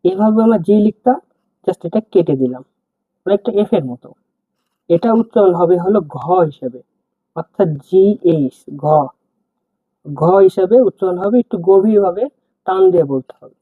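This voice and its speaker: A man's voice: high voice, lively intonation, moderate pace, dry recording. A man teaching the alphabet step by step, spelling out letters and repeating each word with its meaning. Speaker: language teacher. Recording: tinny phone-like, husky and dry.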